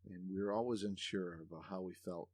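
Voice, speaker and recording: A man with a deep, low voice hosts a casual podcast interview. He talks in long, earnest, reflective turns. The sound is dry and close, with no room around it. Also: fairly even intonation, brisk, a little mellow, dry recording. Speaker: podcast host.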